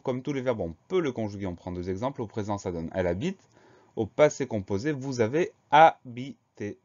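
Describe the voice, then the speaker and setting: A man's voice: on the low side, dark tone, highs cut off. A man teaching a spelling lesson, patiently spelling out each word letter by letter.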